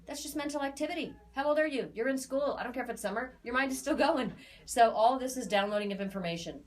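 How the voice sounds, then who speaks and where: A high-pitched woman in her forties reads auras for clients at a quick clip. The session is informal and chatty, and she stresses her points by repeating key phrases.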